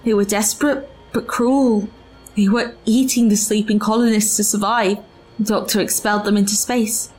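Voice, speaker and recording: In a full-cast audio drama, an actress plays an earnest, loyal woman from the distant past, speaking formally with hesitant thoughtfulness. Her mid-range voice is a little mellow and close to everyday speech, with fairly even intonation at a moderate pace, and she sounds troubled and doubtful. Faint music plays behind her.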